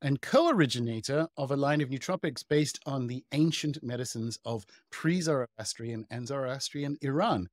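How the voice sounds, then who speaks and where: A man in his thirties hosts a podcast interview over a video call from his home, sounding upbeat and chatty and laughing easily. His mid-range voice moves at a normal speed with few pauses, and there is no room sound.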